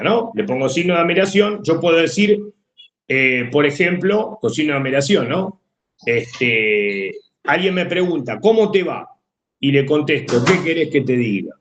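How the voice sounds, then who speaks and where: A Rioplatense-accented male teacher giving a classroom lecture. His pitch sits a little high and swings freely as he explains, and he keeps asking the class whether they follow. The sound carries an echoey room. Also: very animated, normal speed, a bit bright. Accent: Rioplatense Spanish. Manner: explanatory, checks understanding often.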